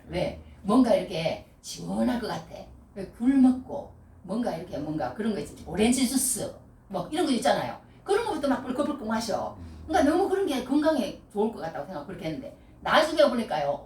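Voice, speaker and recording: A middle-aged woman preaching a sermon, animated and repeating key phrases, often calling out hallelujah. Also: mid-range voice, quick pace, slight background noise. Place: church sanctuary. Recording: echoey room, voice from far off mic. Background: congregation responding.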